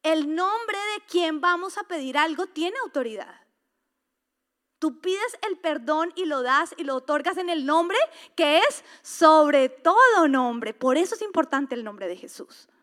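A middle-aged woman preaching a sermon to women. Her delivery is impassioned and swings from soft to loud. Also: high-pitched, lively intonation, a little slow. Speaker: pastor.

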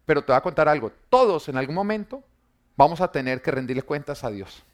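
A man, preaching an emphatic sermon that swings between loud and quiet, full of rhetorical questions and humor for the congregation. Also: fairly high pitch, animated, quick pace. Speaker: pastor.

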